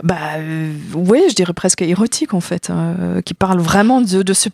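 A woman from Germany, whose first language is German, chats as a guest columnist on radio. She talks in a fairly low voice, hesitating often and filling pauses. The recording is dry and close. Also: vocal fry, warm tone, no echo. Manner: hesitant, many fillers, laughs easily. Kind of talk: casual radio chat.

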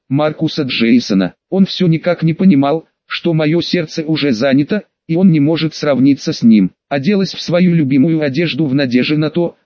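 A man reading a first-person audiobook in a plain, steady voice and voicing every character himself. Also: a little high, no echo, dull audio. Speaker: audiobook reader.

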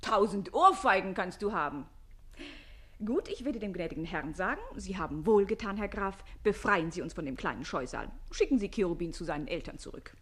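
An actress playing a quick-witted young chambermaid and bride in a classic radio play, with a pert, scolding, teasing manner. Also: female voice, lowish voice, animated, fairly bright tone, slightly rough.

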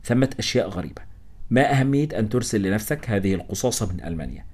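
A man voicing a young bearded doctor who asks calm, probing questions in a storybook reading. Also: fairly low pitch, rapid-fire, slightly rough.

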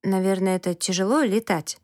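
A frank, chatty little girl with quick, eager speech, as a woman reader puts her on. She sounds raised and bright beside the narration, and the storybook voice is close and dry with no room sound. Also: mid-range voice, no echo, close to an everyday voice. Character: lively curious young girl, chatty and frank.

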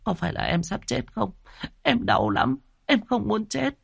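A man's voice: high-pitched, wildly swooping pitch, a little slow, creaky, husky, no room sound, clean studio sound, voice pushed up, full character voice. A man voicing a frightened young pregnant wife in pain, whimpering tearfully. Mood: terrified.

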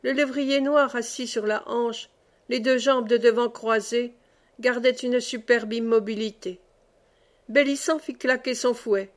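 A woman's voice: fairly high pitch, steady tone. Woman reading a classic novel aloud. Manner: measured, clear storytelling. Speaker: audiobook reader. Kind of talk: literary audiobook narration.

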